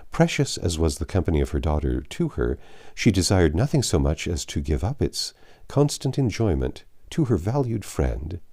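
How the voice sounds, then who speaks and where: A deep-voiced man reads a classic novel aloud as an audiobook narrator, with measured, expressive storytelling phrasing.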